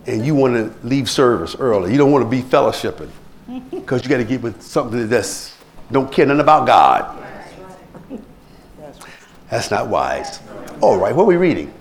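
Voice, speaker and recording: A man's voice: moderate pace, long pauses. A man preaching a sermon as pastor, telling stories and acting out the people he quotes. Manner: preachy, animated, acts out quoted people in rising pitch. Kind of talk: sermon with anecdotes.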